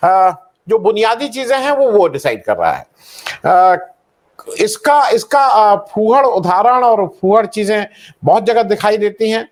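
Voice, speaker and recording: A man with a notably high voice speaks as an author on a panel discussion. He argues in a measured, critical way and pauses often with hesitant fillers. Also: lively intonation.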